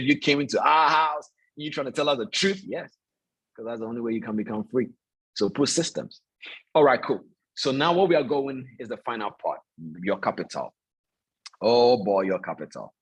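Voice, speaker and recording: A man coaching traders on an online video call. He preaches in an animated way, repeats his points for emphasis and keeps asking his listeners if it makes sense. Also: fairly low pitch, slightly rough, poor audio. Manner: talks directly to listeners, asks "does that make sense?". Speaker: trading coach. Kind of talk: motivational online call lecture.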